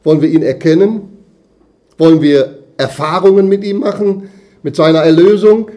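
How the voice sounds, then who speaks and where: A man preaching, his voice sitting a little high yet sounding dark and mellow. He talks to the congregation conversationally, tagging points with quick "ja?" asides, and he swells his voice for emphasis before letting it sink low. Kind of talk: sermon.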